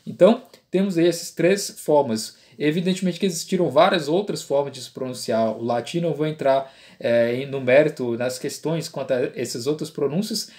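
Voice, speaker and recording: A man's voice: on the high side, darkish tone. A man with a Brazilian Portuguese accent teaching an online Latin lesson, explaining step by step and often adding "né?" as a tag question. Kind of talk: online lecture.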